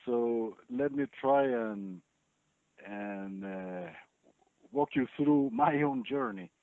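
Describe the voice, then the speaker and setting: A man in his fifties from Chile, giving thoughtful interview answers with many pauses and fillers. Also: mid-range voice, dry recording. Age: 50s. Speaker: chief legal officer, guest. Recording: dry, tinny phone-like sound.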